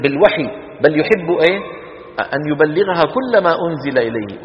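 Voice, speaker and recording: A man teaching Quran recitation rules, quizzing his students and chanting example verses slowly. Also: on the high side. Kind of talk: classroom lecture on tajweed. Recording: dull recording in a reverberant hall.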